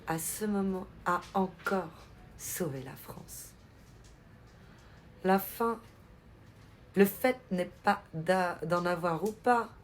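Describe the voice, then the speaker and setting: A woman's voice: fairly low pitch, darkish tone, a little hiss or hum. A woman streamer chatting casually on a live stream, answering her chat and laughing often.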